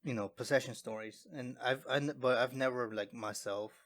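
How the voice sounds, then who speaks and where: A man's voice: mid-range voice, moderate pace, fairly bright tone. A man co-hosting a podcast, talking casually and hesitantly with many fillers and restarts. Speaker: podcast co-host. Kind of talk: casual chat.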